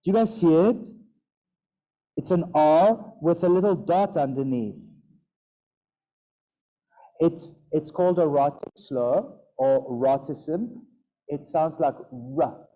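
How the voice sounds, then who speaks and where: Slow, dark-voiced male yoga teacher. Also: on the high side. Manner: slow, playful, demonstrating sounds aloud. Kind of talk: teaching a class. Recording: dull lo-fi sound.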